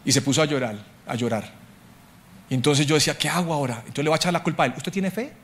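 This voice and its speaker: A middle-aged man preaching a sermon as a pastor, telling stories and swinging from loud declarations to hushed asides. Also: mid-range voice, rapid-fire, slight background noise.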